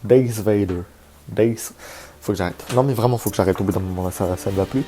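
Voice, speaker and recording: A man's voice: sits low, very fast, warm tone, a little hiss or hum. A man hosting a casual video, chatty and hesitant with many fillers and joking asides, over faint background music. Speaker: YouTube host presenting a game character.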